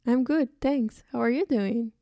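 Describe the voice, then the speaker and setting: A woman's voice: a little high, unhurried, mellow, dry recording. A woman hosting a podcast, politely introducing her guest and asking interview questions. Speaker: podcast host.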